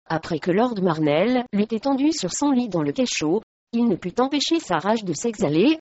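A woman narrating a historical storybook in a steady, measured way, in a dull lo-fi recording. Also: mid-range voice, a little hiss or hum.

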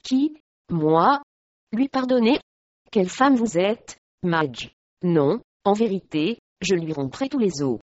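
A woman reading aloud voices a remorseful medieval English lord in a lowered, gruff tone, in a dull lo-fi recording. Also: lively intonation, takes it slowly, darkish tone. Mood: gruff, troubled. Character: angry remorseful medieval English lord, middle-aged man.

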